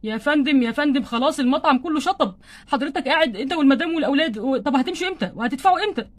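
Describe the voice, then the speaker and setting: A woman's voice: high voice, animated, racing. A woman with an Egyptian accent voicing a polite but impatient male restaurant waiter in a doll play. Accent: Egyptian Arabic. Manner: formal, polite address.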